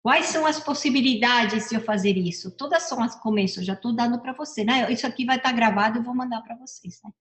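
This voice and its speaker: A middle-aged woman gives a casual motivational talk as a personal development speaker, chatty and often repeating and correcting herself. Her voice is fairly high, and she talks fast with hardly any pauses. The room is echoey.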